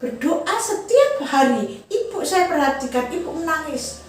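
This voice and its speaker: A woman voicing a kind old male priest who asks gentle, caring questions in a Sunday school story. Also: sits high, big pitch swings, measured pace, slight background noise, pitched above the performer's own voice. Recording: echoey room, far from mic.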